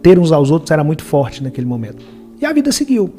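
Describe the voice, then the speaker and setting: A middle-aged man from Minas Gerais speaks with a Minas Gerais accent, his voice slightly raised in pitch and mellow in tone. He tells a life story earnestly and reflectively, and faint music plays softly beneath him. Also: very animated, fast talker. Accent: Brazilian Portuguese, Minas Gerais. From Minas Gerais, Brazil. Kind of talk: personal storytelling in an interview.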